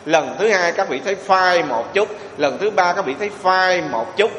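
A male Buddhist monk delivers a sermon, pressing his listeners with repeated rhetorical questions. His voice sits fairly high for a man. The sound rings with the long echo of a large hall, with faint ambient noise behind. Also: lively intonation, moderate pace, fairly bright tone. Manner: rhetorical questions to the audience, emphatic. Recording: echoey hall with long reverb.

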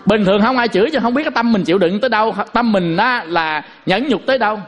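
A man's voice: high-pitched, animated, fast talker. A man giving a folksy Buddhist Dharma talk to lay listeners, tagging each point with a rhetorical question and a joke. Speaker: Buddhist preacher.

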